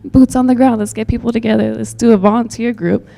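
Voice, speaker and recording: Gravelly low-bright woman speaking heartfelt. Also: steady tone, fast talker. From Texas, USA. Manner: heartfelt, rambling, with many fillers. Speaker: community member commenting at a public meeting. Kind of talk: earnest public comment.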